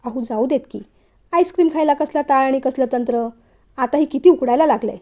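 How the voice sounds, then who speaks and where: A woman voicing an anxious, soft-hearted middle-aged mother who fusses over her sons in a storybook reading. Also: high voice, brisk. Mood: coaxing. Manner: anxious, fussing.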